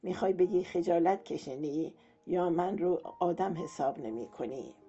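A woman's voice: on the low side, slightly rough. A woman voicing a pushy, scolding older aunt in a dull lo-fi audiobook with faint music. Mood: insistent. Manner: nagging, sharp-tongued.

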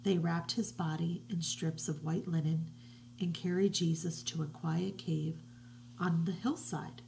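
A middle-aged woman reads a picture book to children from her home, slow and hushed, sometimes dropping to a soft whisper. Her voice sits a little low with a gravelly edge. It is picked up by a webcam, with a faint hiss behind. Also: steady tone, poor audio. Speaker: children's religious educator. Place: living room at home, indoors. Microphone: webcam at desk distance.

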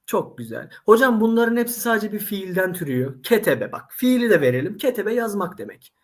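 A man's voice: high-pitched, a little fast. A man who teaches Arabic, telling anecdotes animatedly in a casual interview and speaking straight to the viewers. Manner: animated storyteller, addresses audience directly.

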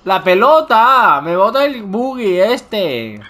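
A young man from hosting a gaming video, chatting excitedly with friends, laughing and shouting. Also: high voice, takes it slowly. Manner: animated, laughing, shouting in triumph. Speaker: gaming YouTuber host. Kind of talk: excited gameplay chat with friends. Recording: faint background noise.

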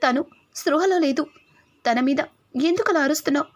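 A woman's voice: high voice, a little fast, natural voice. A woman voicing a stern, protective mother-in-law who scolds. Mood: scolding.

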